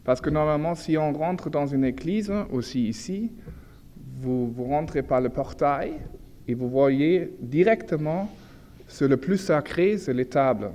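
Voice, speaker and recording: A man's voice: fairly high pitch, dark tone. Echoey hall, man lecturing in German-accented French. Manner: halting, searching for words, self-correcting. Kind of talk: informal illustrated lecture. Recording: echoey hall with long reverb, background noise.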